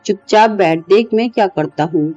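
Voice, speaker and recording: A woman's voice: medium pitch, normal speed, warm tone, no echo, muffled recording, faint music behind, natural voice. A woman playing a stern male exorcist who gives firm orders in a horror story. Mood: commanding. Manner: commanding.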